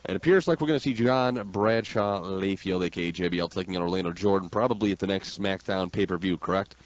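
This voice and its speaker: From a radio studio comes a low-pitched, fast-talking American man from New York State, loudly sounding off about wrestling. He's a brash, emphatic, slang-heavy talk radio host, and the audio has a dull, lo-fi radio quality.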